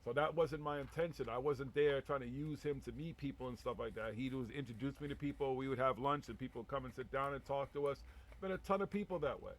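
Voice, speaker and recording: A man's voice: mid-range voice, fast talker. A man hosting a casual live chat, speaking bluntly and rambling with heavy swearing. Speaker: talk show host.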